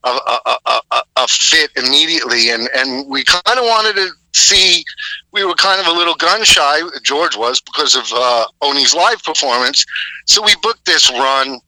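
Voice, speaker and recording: A man's voice: a little high, animated, moderate pace, bright, forceful tone, dry recording. A man talking over a phone line as an interview guest, rambling with many fillers and restarts. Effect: heard over a phone line. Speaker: musician guest.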